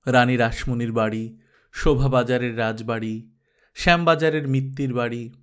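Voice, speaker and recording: A man reading a literary novel aloud as an audiobook narrator, in a tender, deliberate manner. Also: medium pitch, fairly even intonation, fairly bright tone.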